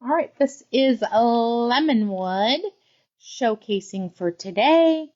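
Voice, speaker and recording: A woman's voice: on the high side, animated, slow, darkish tone. Woman livestream host, chatty and enthusiastic, slightly dull audio. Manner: chatty, gushing, thinks aloud while handling items. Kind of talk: casual product showcase livestream.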